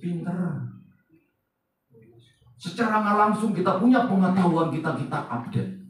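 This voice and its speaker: A man preaching a sermon as pastor, lively and casual, asking the congregation questions as he goes. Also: sits high, measured pace, heavy reverb, far from the mic, rough recording. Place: church service.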